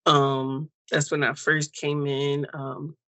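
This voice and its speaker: Slow, reflective American woman. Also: low-pitched, level tone, fairly bright tone, no echo. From United States. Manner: reflective, unhurried, many pauses and fillers. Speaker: interview guest. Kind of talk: personal story interview.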